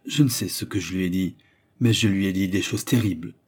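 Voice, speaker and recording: A man narrating a literary short story as an audiobook reader, in a measured storytelling delivery. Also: deep voice, darkish tone, breathy edge.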